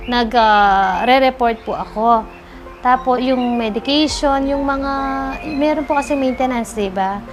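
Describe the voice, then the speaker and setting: A woman giving a soft-spoken, earnest testimonial interview, politely answering an interviewer. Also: on the high side, measured pace. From Philippines. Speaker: interviewee, cancer survivor. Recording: music bed underneath.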